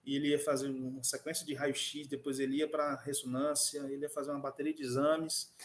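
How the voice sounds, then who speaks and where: A man teaching an online class speaks fairly quickly in a medium-pitched, level voice. The lecture is conversational, peppered with fillers and restarts, and features a personal story.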